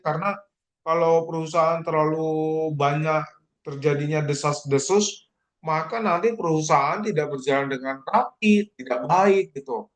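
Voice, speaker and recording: A middle-aged man giving a casual university lecture, animated and jumping up in pitch to mimic people.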